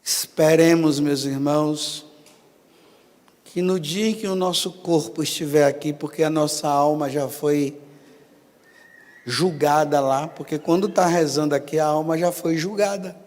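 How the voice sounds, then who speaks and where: Slow-preaching priest in a long-echo hall. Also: male voice, fairly high pitch, steady tone, darkish tone. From Brazil. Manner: humorous anecdotes, dramatic pauses, rising exclamations. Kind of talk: sermon with storytelling. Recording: long reverb of a large hall.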